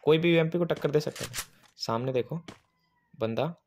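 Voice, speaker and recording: Excitable male streamer, fairly high voice, gunfire audible behind. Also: normal speed, gravelly, slight background noise. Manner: excitable, teasing enemies, rambling chatter. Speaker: gaming streamer. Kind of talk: live gameplay commentary. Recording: game gunfire sounds behind voice.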